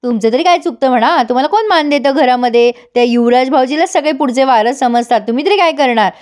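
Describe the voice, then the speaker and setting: A woman voicing a sharp-tongued, jealous young wife who taunts her husband. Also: high-pitched, fast, lightly acted. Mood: angry taunting. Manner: scolding, taunting.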